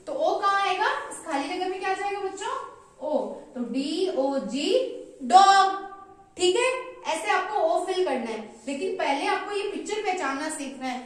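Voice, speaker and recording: High-voiced teacher woman in an echoey room. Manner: slow, sing-song teacherly spelling-out, coaxing questions. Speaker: kindergarten teacher. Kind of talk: online phonics lesson for small children.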